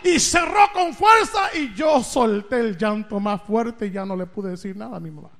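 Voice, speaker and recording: Man, sermon storytelling, very high voice, dramatic swings, long hall reverb. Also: lively intonation, moderate pace, creaky. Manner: dramatic storytelling with big swings in loudness and pitch.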